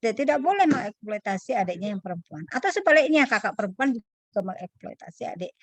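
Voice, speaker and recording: A woman speaking as a webinar panelist, explaining earnestly and pausing often with hesitation fillers over a video call. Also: fairly high pitch, big pitch swings, dry recording.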